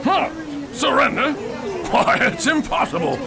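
A woman's voice: sits high, very animated, measured pace, gravelly, exaggerated voice. A woman playing a flustered, patronizing city gate guardian in an audio drama, dithering and stammering, with crowd chatter behind. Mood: patronizing, bemused.

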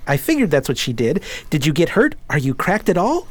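Boy adventurer, played by a woman, husky voice, lively intonation, earnest audio drama delivery. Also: low voice, a little fast, no room sound. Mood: concerned.

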